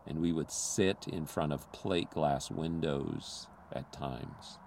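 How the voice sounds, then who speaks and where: A man's voice: very deep voice, slow pace, creaky, a little mellow, a little hiss or hum. A man who grew up in the Philippines, giving an earnest, confessional sermon as a pastor.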